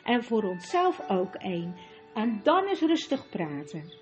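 A woman voicing a calm, reasonable boy who leads his siblings, in an audiobook. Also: medium pitch, slow, music in the background. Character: calm boy, eldest brother and leader.

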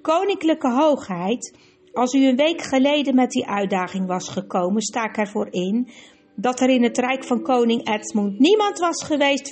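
A woman's voice: high voice, a little mellow. A woman voicing a stern, dignified older king who speaks formally and measuredly in a storybook reading.

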